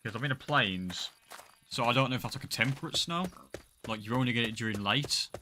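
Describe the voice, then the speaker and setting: Young male streamer, bright tense voice, loose rambling chat with casual swearing, faint hiss behind. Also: mid-range voice, fairly quick. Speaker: game streamer.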